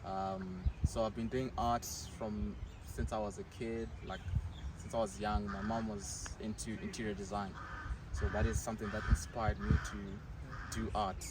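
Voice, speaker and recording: A man from Zimbabwe, a bead artist, talking haltingly in a casual interview outdoors at a zoo. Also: on the low side, little pitch movement. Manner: halting, many fillers. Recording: loud outdoor background noise.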